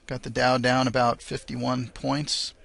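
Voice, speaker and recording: A man's voice: medium pitch, flat delivery, measured pace, gravelly, crowd noise. An American man giving casual live market commentary as host of an online trading show.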